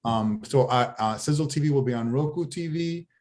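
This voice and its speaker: A man pitching his streaming app in a casual business chat over a video call, rambling with many restarts. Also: fairly quick, darkish tone. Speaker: guest, TV show founder.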